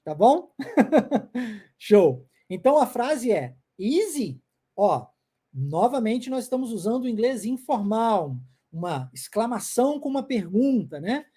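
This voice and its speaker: A Brazilian woman teaches an English lesson online, her speech sliding up and down with lots of melody. Her voice sits a bit high but sounds warm and mellow. She drills short phrases again and again and keeps checking that the listener is following. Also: slow, breathy edge. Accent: Brazilian Portuguese. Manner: animated, drills phrases by repetition, frequent check-in tags.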